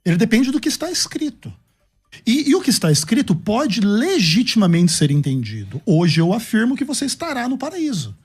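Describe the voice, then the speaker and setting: Formal Brazilian man, high lively voice. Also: slightly rough. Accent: Brazilian Portuguese. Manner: measured, formal, builds his argument point by point. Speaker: debater. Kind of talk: theological debate.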